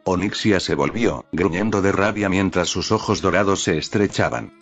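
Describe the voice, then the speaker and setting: A man narrating a fan fiction story in a steady, even read. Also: sits low, moderate pace. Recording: dull lo-fi audio with faint music.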